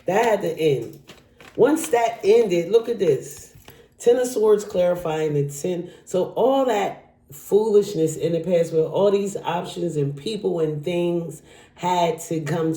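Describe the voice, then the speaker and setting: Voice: mid-range voice, a little slow, dark tone, slight background noise. A tarot reader casually talking through a card spread, speaking straight to the viewer in a chatty way. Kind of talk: casual tarot reading to camera. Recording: echoey room.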